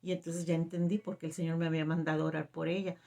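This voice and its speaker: A middle-aged woman telling a personal faith testimony, halting and emotional, with many fillers. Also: sits low, flat delivery, vocal fry, warm tone. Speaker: testimony giver.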